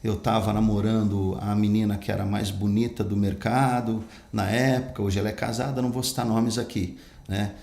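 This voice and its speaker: A man's voice: fairly low pitch, little pitch movement, moderate pace, gravelly, darkish tone, roomy sound. A man, an actor and pastor telling his life story in an emphatic, earnest way as a podcast guest. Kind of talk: personal storytelling in an interview.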